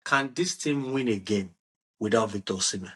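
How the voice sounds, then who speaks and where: A man hosting a casual football discussion, animated and restarting his sentences often. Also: on the low side, normal speed. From Nigeria. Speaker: podcast host.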